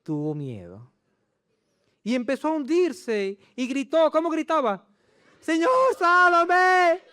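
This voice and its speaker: A male pastor delivers an animated sermon, firing rhetorical questions at his congregation. His voice sits high and swings widely in pitch. The sound is dry and close. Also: unhurried, clear, resonant tone, dry recording. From Chile. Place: church.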